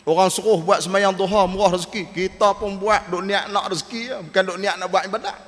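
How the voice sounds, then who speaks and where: Man, preacher, storytelling sermon, high voice, long mosque reverb. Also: steady tone, quick pace. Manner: storytelling, acts out quoted voices. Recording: echoey mosque hall.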